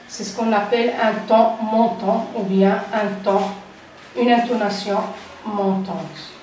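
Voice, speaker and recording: An older woman, a French teacher, giving a slow grammar lesson and repeating key terms deliberately. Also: mid-range voice, steady tone, a little mellow, slight background noise. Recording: echoey room, voice from a distance.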